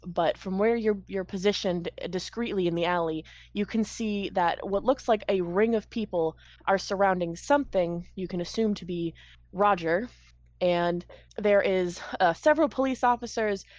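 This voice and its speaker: A woman serving as game master, narrating scenes in a relaxed, casual way. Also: fairly low pitch, dry recording, dull audio.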